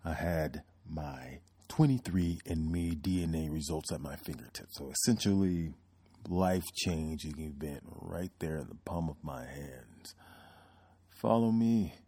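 Deep, husky-voiced man hosting a podcast. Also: warm tone. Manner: reflective, halting with frequent ums and restarts. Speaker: podcast host. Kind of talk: casual podcast monologue.

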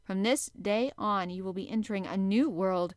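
A stern, proud sea captain, voiced by a woman reading a novel aloud speaks with cold, measured force. The voice is smooth and resonant, heard in a dry, close recording. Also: mid-range voice, dry recording, close to an everyday voice. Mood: grand.

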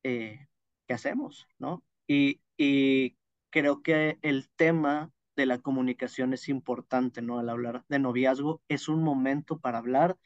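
A man's voice: mid-range voice, steady tone, a little slow, no room sound, highs cut off. A man with a northern Mexican accent from Monterrey, talking as a podcast guest in an emphatic, explanatory way. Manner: naturally loud, emphatic way of talking. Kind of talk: conversational podcast interview.

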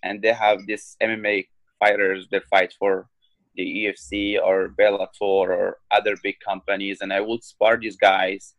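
Flat-voiced Moroccan man in his twenties. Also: fairly low pitch, no room sound, poor audio. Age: 20s. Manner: halting, many ums and restarts. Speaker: guest, professional fighter. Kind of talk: casual interview talk.

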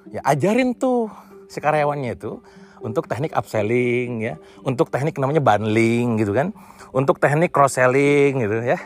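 A man giving a motivational business lesson as a coach, blunt and slangy, addressing his listeners directly. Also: medium pitch.

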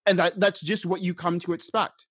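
A young man co-hosting a podcast, calmly explaining his views in casual chat. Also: high-pitched, normal speed, no echo. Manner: calm, reasoning, explanatory. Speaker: podcast co-host.

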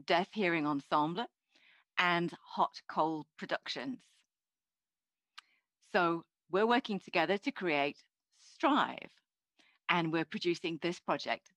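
Voicing a deaf host's signing in real time, a woman in her fifties speaks the introduction in the first person, calm and measured, with small restarts. She is at home, seated before a plain screen. Her voice is lowish and the recording has no echo.

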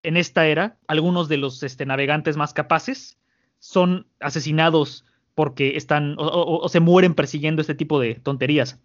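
A man's voice: a little high, fairly even intonation, normal speed, natural voice. A man with a Mexican accent voicing a smug, mocking male pirate captain, scornful and long-winded, on a muffled lo-fi recording. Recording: muffled lo-fi audio.

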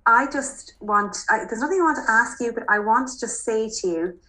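Casting: woman, west of Ireland accent, bright forward voice, chatty and emphatic, casual podcast guest telling stories. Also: fairly high pitch, lively intonation, brisk, poor audio. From Mayo, west of Ireland. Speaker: podcast guest, primary school teacher. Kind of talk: casual interview, anecdotal.

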